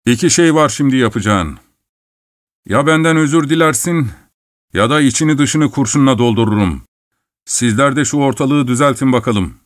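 A man voicing a rough, hot-tempered man who curses and blusters in an audiobook reading. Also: mid-range voice, lively intonation, moderate pace, no room sound, clean studio sound, voice pushed up, lightly acted. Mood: commanding. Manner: cursing, blustering. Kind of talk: audiobook character voice.

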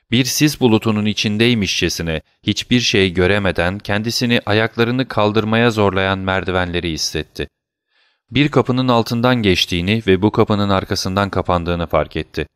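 Low smooth male audiobook narrator. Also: fairly bright tone, dry recording, studio quality. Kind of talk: scripted narration of a classic novel.

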